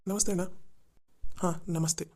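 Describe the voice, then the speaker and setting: Cartoon young man, office pal, mellow warm tone, rambling nerves, plain voice. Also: medium pitch, steady tone, measured pace. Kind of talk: cartoon voice acting.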